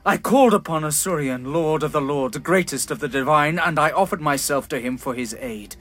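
A man voicing an ancient elf king whose calm, sharp anger swells into shouts, in a dramatized fantasy audiobook. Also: medium pitch, unhurried, husky, faint music behind. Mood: grim anger. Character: ancient elf king, grief-stricken, raging, proud.

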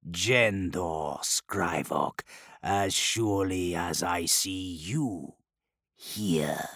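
Man voicing Krukesh, a hissing gravelly demon. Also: low voice, pushed and bright, no echo, clean studio sound, pitched below the performer's own voice, full character voice. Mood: threatening. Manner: slow, hissing, whispered threats. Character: ancient menacing male warp demon possessing a knight. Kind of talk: audiobook character voice.

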